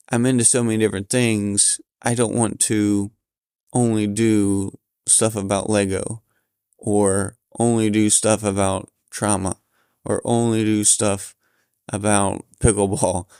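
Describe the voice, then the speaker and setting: A tired man candidly talking through his thoughts while lying in bed, pausing and restarting as he goes. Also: on the low side, a little mellow, smooth, no echo, studio quality. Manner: tired, halting, reflective. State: sleepy, yawning. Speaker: vlogger recording his thoughts. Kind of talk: candid personal monologue.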